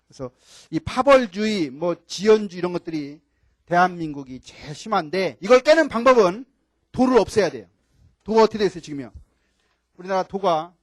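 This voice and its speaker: An older man with a high voice lectures a class as a professor, keeping it lively with questions to his students and repeated key words. The sound is dry and close, with little room echo. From Chungcheong, Korea.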